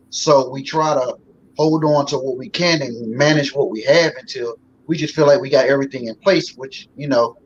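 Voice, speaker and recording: A man in his forties, a guest on a talk show, talking in a loose, folksy way with lots of fillers. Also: medium pitch. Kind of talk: casual talk show conversation. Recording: slightly dull sound with faint noise.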